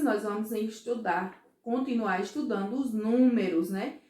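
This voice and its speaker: A Brazilian woman teaching young children, with a fairly high voice and a very slow, patient delivery. She keeps checking that the class follows along. The recording is echoey, as if made in a bare room. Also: a little mellow. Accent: Brazilian Portuguese. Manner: slow, patient, asks children "certo?" and "ó" often. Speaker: first-grade teacher.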